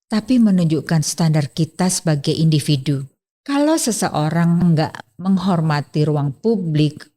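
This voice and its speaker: A woman delivers a scripted self-improvement talk on manners. Her voice sits low and sounds warm and relaxed. She explains calmly and gently, addressing the listener directly. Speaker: etiquette channel host.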